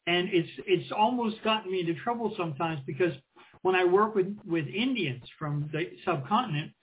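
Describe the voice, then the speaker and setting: Over tinny phone-line audio, a middle-aged male co-host asks friendly questions in a casual interview, often saying um and restarting. His voice is high and slightly rough, at a moderate pace.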